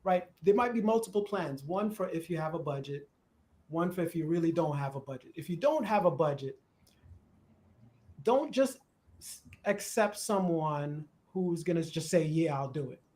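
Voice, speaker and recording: A man with a Jamaican accent hosting a live church discussion, chatty and animated, laughing at times as he explains. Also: fairly high pitch, normal speed. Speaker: host. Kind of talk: casual discussion on church worship. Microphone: live stream.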